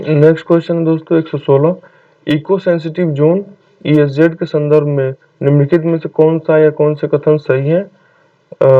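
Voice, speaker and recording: A man's voice: on the high side, no room sound. Man reading quiz answers over a tinny mic. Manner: repeats "okay, friends" between answers. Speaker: exam quiz tutor. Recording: tinny, distant phone-like mic.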